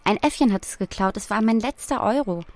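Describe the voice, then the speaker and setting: A woman's voice: on the high side, a little fast, dry recording, natural voice. A woman voicing a flustered, broke young student woman who speaks plainly. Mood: upset. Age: young adult.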